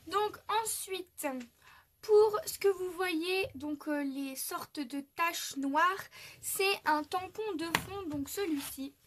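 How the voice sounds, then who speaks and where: A woman's voice: very high voice, slow, noisy background. A young woman from France chatting through a craft tutorial, full of fillers and little restarts. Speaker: craft youtuber.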